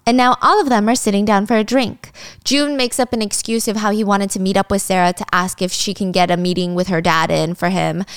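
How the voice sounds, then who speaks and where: A woman narrating a drama recap in a lively, gossipy way, swearing now and then. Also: mid-range voice, a little fast, smooth, dry recording, clean studio sound. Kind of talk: casual story narration.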